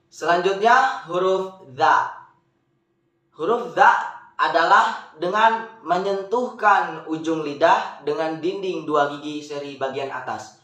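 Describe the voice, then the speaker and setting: A man's voice: on the high side, a little slow, fairly bright tone, roomy sound, poor audio. A man teaching the pronunciation of Arabic letters step by step, patiently drilling syllables and lifting them into sung tones. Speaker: Quran recitation teacher.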